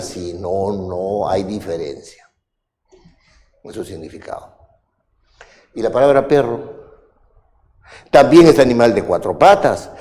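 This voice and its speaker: A man lecturing a classroom with a lively, rising and falling delivery. His tone is dark and mellow, and a long reverb from the room trails after his words. He keeps stopping to ask his students if they follow. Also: lowish voice. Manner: questioning, checks understanding with "¿no es cierto?". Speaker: law school instructor.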